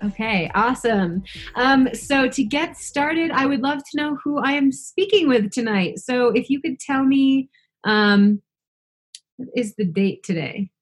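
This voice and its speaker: Bright friendly woman interviewer. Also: high voice, lively intonation, a little slow, faint music behind. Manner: friendly, encouraging, many fillers. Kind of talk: casual interview.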